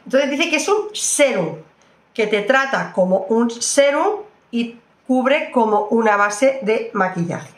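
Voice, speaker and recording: A beauty vlogger chats through a product test, exclaiming and repeating herself as she goes. Her voice sits a bit high. The sound carries a noticeable room echo. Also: animated, slow pace. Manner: chatty, exclamatory, repeats phrases, addresses viewers fondly. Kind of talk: casual makeup review.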